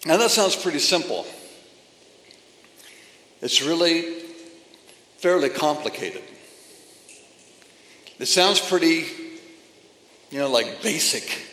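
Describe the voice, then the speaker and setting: Guy preaching in a church, pausing a lot, booming echo all around. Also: expressive, sharp tone. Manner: emphatic preaching, pausing between phrases. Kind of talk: sermon. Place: church or meeting hall. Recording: echoey hall from a distance.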